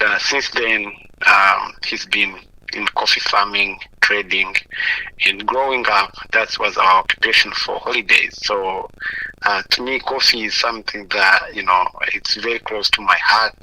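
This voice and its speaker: A man from Rwanda introducing himself as a social entrepreneur, reflective with small pauses. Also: on the low side. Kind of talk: personal self-introduction. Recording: bright voice recorded from a distance.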